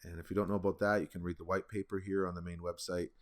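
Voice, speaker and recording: A man with a notably low, deep voice walks through an explainer in a loose, unscripted way. He talks like he is thinking aloud, pausing on "uh" and restarting sentences as he goes. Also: flat delivery. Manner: loose, rambling delivery with many fillers and restarts. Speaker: video host. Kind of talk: casual explainer walkthrough.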